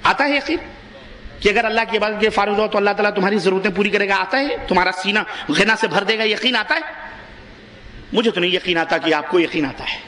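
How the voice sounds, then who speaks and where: A man's voice: pushed and bright, reverberant, slight background noise. A man preaching an impassioned sermon, exhorting his listeners with rhetorical questions, with a Pakistani Urdu accent. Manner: soars to high emphatic peaks.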